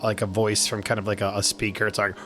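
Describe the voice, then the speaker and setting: A man's voice: lowish voice, level tone, fast, a bit bright, slight background noise. A man running a tabletop game as game master, narrating casually in a joking, rambling way. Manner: joking, rambling with many hedges.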